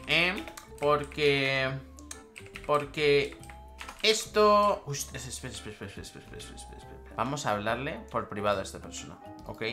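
A young woman giving excitable, chatty gameplay commentary as a gaming YouTuber, repeating phrases and bursting into squeals and laughs. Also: sits low.

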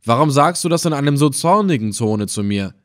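A man's voice: mid-range voice, animated, a little fast, no room sound, studio quality, close to an everyday voice. A man playing a wailing old helmsman. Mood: defensive. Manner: pleading and wailing. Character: old male boat helmsman, talkative and excitable. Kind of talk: audiobook character voice.

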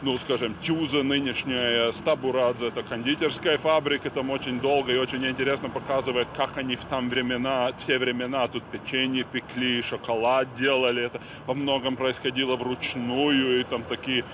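A man's voice: mid-range voice, level tone, moderate pace, hardly any pauses. Man interviewed on a noisy street. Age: middle-aged. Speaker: political scientist, interviewee. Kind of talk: spontaneous interview. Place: busy city square outdoors.

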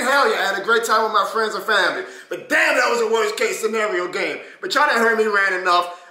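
A man in his thirties hosting a casual sports reaction video in his living room, ranting and swearing with animated energy. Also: very high voice, echoey room. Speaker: host.

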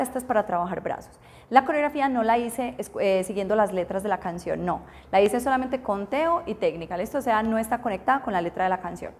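A woman's voice: a little high, darkish tone. A woman teaching a belly dance class, explaining arm and hip moves and counting the beats aloud, often checking in with her students.

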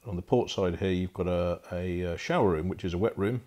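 A boat broker with a warm, low-pitched voice gives a casual tour of a barge's interior, speaking fairly quickly and off the cuff with lots of fillers. It's recorded on a handheld phone inside the wooden cabins.

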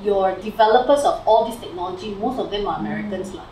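Medium-pitched, mellow and quick, a young Malaysian woman with a Malaysian English accent walks friends through her PhD research at home, a slide on the TV. It's an informal chat loaded with fillers, phrases closing on "lah" and "right?". The camera sits far across the room, so the sound is roomy and distant with a faint hiss.

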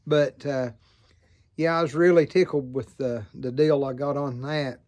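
A man in his fifties with an American Southern accent, chatting to camera in an unhurried, folksy, rambling way. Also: medium pitch, steady tone, darkish tone. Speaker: vlogger and hobby pipe maker. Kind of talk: casual chat to camera. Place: outdoors by a farm field.

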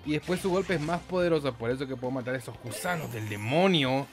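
A fast-talking man with a mid-range voice and Chilean Spanish accent gives loose, playful gameplay commentary as a YouTuber. He jokes, swears, singsongs and makes silly sound effects while video game music plays behind him.

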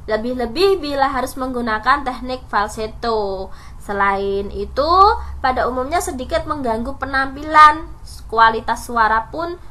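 A woman's voice: on the high side, pushed and bright. A woman teacher giving a recorded lesson, explaining step by step and often adding a checking "ya" or a "nah". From Indonesia.

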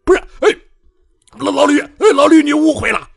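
A man's voice: lowish voice, big pitch swings, measured pace, no room sound, studio quality. A man doing a pompous, cowardly sect master. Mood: panicked. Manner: swings from smug murmur to panicked squeals. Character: pompous chubby male sword sect master, cowardly and whiny. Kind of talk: audiobook character voice.

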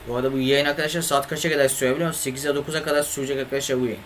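A man's voice: mid-range voice, steady tone, very fast, a bit bright, a little hiss or hum. Man grumbling through a live gaming stream. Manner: swears and grumbles at the computer, talks to chat. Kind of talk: casual live-stream chat.

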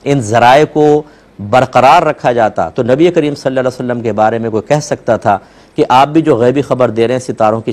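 A male Islamic scholar with a sore throat answers questions in a religious Q&A, earnestly explaining rulings. His mid-range voice is a little mellow, and it jumps up whenever he quotes someone.

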